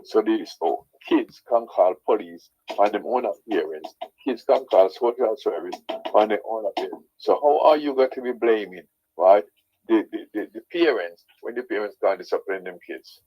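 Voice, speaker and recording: A man's voice: on the low side, moderate pace, mellow, husky. A man calling in to a talk show, heated and insistent, repeatedly pressing "right?" over a lo-fi line.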